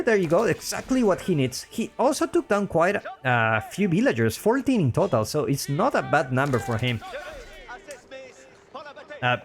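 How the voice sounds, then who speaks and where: A male game caster with a Spanish accent calls a strategy match in lively commentary, his pitch swinging up and down as the action shifts. He speaks English as a second language, often says a phrase twice to stress it, and faint game music plays behind him. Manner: animated, often repeats his own phrases.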